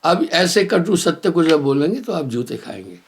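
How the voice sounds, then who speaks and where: A man giving a sermon as a spiritual teacher, telling moral stories in an unhurried way and chanting verses slowly. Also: fairly high pitch, sing-song, a little hiss or hum. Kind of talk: sermon with storytelling.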